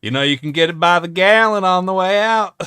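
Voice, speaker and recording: A man's voice: high-pitched, brisk, sharp tone, clean tone, no room sound. A man hosting a live stream in casual chat, joking, laughing often and rambling loosely. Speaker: stream host.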